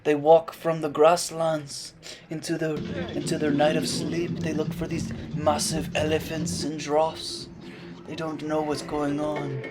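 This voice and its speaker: A young man narrating a parody nature documentary in a hushed, mock-solemn wildlife voice. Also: fairly high pitch, monotone, a little slow. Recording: music playing underneath.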